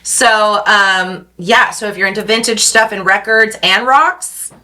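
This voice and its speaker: A woman's voice: mid-range voice, measured pace, pushed and bright. A woman who owns a crystal shop, chatting as a guest in an interview, gushing and swearing casually. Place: Merced, California.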